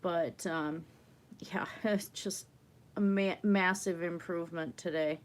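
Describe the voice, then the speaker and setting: A woman's voice: lowish voice, fairly even intonation, slow pace. A woman with a slightly wheezy breath, chatting casually as she hosts an art livestream. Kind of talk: casual chat while painting.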